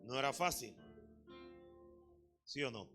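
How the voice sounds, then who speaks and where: A man's voice: medium pitch, expressive, takes it slowly, bright, forceful tone, faint music behind. A male pastor preaching a Sunday sermon in church, emphatic and repetitive, often asking the congregation questions. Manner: emphatic preaching, repeated phrases. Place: church service.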